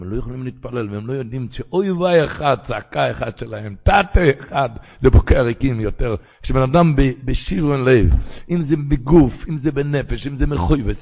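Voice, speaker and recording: A man who is a rabbi, giving a Torah sermon with animated preaching and sudden cries. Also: a little high, gravelly, husky, phone-quality sound.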